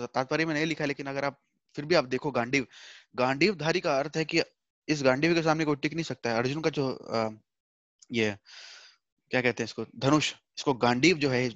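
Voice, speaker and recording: A man's voice: mid-range voice, fairly bright tone, no room sound, muffled recording. A man teaching a Hindi scripture class online from home, explaining patiently, repeating points and mixing in English words.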